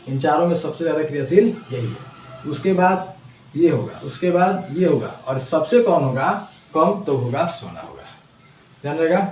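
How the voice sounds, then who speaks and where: A man's voice: on the high side, darkish tone. A man teaching a school chemistry class in with a tinge. He repeats key points with "ठीक है" and drills students with rhyming memory chants. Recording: echoey room, mic far off, faint background noise.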